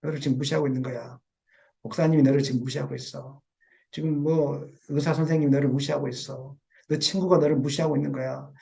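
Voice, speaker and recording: A man's voice: medium pitch, fairly even intonation, quick pace, gravelly, darkish tone, natural voice. A male pastor voicing Satan as a tempter who keeps goading his listeners to pride and haste. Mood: taunting. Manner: insistent, needling, repetitive urging.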